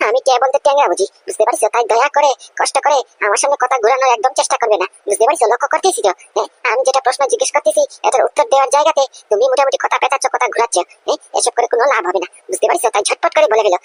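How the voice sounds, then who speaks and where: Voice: sits high, lively intonation, racing, no room sound. A performer voicing a brash young man in a cartoon comedy, sharply grilling his aunt about a lie. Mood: accusing. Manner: brash, accusing, repeated "hm?".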